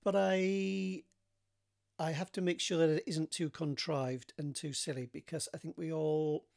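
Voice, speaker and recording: Chatty man, slightly high voice. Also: fairly even intonation, unhurried, creaky, darkish tone. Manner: rambling, many fillers and restarts. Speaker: author. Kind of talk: casual chat to camera.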